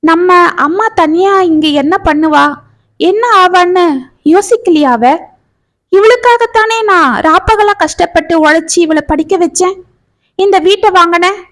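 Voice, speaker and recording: A woman's voice: high voice, moderate pace, long pauses, natural voice. Woman voicing a grieving, tearful single mother. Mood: anguished. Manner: tearful, pleading, rising and raw. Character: grieving middle-aged single mother, anxious.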